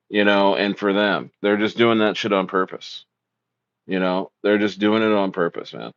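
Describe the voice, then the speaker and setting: A man's voice: on the low side, no room sound. Hyped streamer guy, dull lo-fi sound. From South Jersey, USA. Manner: hyped, repetitive slangy talk with lots of "bro". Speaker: livestream host. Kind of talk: casual livestream chat reading viewer comments. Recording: dull lo-fi dry audio.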